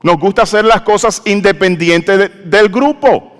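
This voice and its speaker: A man's voice: sits high, measured pace. Man preaching a sermon, call-and-response with the congregation; resonant tone, long church reverb. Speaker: pastor. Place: church sanctuary.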